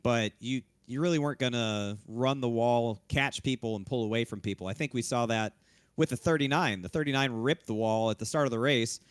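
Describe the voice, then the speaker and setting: A man talking through his sim race win in a loose, rambling way, his voice a little worn from celebrating. The tone stays smooth and resonant, and the recording is dry and close. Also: medium pitch, a little fast, no echo. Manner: relaxed, loose, frequent restarts and fillers. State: losing his voice. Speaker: race-winning sim racing driver. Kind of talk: post-race interview.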